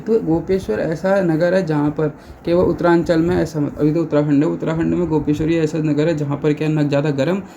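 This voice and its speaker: A man's voice: on the high side, mellow, muffled recording, slight background noise. A male exam-prep teacher who runs through facts by asking questions and answering them himself, over and over. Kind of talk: exam-prep lesson with repetition and rhetorical questions.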